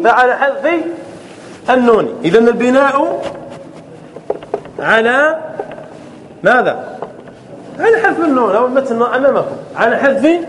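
A man with a high voice gives a classroom grammar lesson, repeating examples over and over so they stick. He keeps checking "clear?" and hands the floor to students. A faint hiss of background noise runs under his voice. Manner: prompts students to answer; repeats key phrases to drill them. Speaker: teacher of Arabic grammar.

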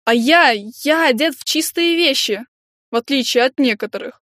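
A woman's voice: high voice, lively intonation, moderate pace, fairly bright tone, no echo, clean studio sound. A woman voicing a sulky, rude teenage boy who talks in a petulant, indignant way. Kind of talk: audiobook character voice.

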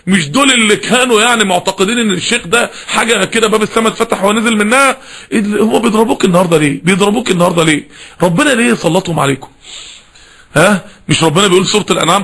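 A middle-aged Egyptian man delivers a fiery sermon at a rapid clip. His voice sits high for a man, bright and forceful, and he keeps pressing his listeners with rhetorical questions. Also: breathy edge. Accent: Egyptian Arabic. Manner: impassioned, scolding, with rhetorical questions. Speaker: preacher.

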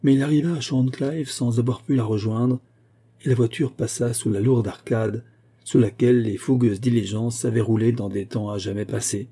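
Male audiobook narrator, measured delivery, husky timbre. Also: medium pitch, steady tone, dark tone. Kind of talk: scripted narration.

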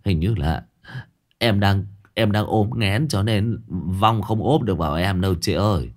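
A man's voice: lowish voice, normal speed, darkish tone, close to an everyday voice. A man voicing a fat, sheepish young man who mumbles excuses. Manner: mumbling, hesitant.

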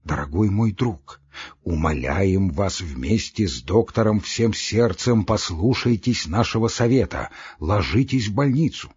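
A man voicing an older male postmaster, a sentimental and fussy friend, who speaks tenderly and coaxingly in a husky voice. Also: fairly low pitch, expressive, measured pace, darkish tone, dull audio, exaggerated voice. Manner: tender and coaxing to his friend, barking at staff.

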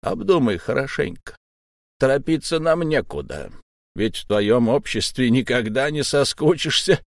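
A man voicing a sly, smooth-talking old pirate captain whose mock friendliness hides a threat, in an audiobook. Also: medium pitch, big pitch swings, measured pace, dry recording, studio quality. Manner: mock-friendly, coaxing, menacing underneath.

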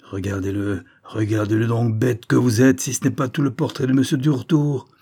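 A man reading aloud and voicing a fierce old female servant, with shrill, furious outbursts. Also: flat delivery, moderate pace, warm tone, natural voice. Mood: shrieking.

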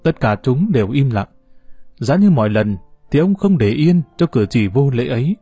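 A man narrating a novel for an audiobook in a calm, measured storytelling voice. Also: medium pitch, breathy edge, no room sound, faint music behind. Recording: dull, slightly muffled recording.

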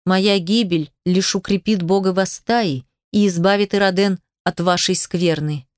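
A woman's voice: on the low side, fairly even intonation, measured pace, no echo, clean studio sound, natural voice. Young male herald, icy and defiant, controlled cold delivery, woman reader.

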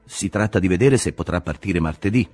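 A man's voice: sits low, a little fast, darkish tone, breathy edge. A man voicing a dutiful young patient who speaks formally and respectfully.

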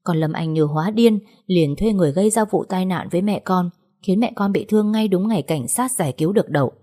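A grieving middle-aged father speaks steadily and sorrowfully in this audiobook, as a woman narrator voices him. The voice sits low and dark with a husky edge. He tells his story in a plain, even way. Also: quick pace, natural voice. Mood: grave.

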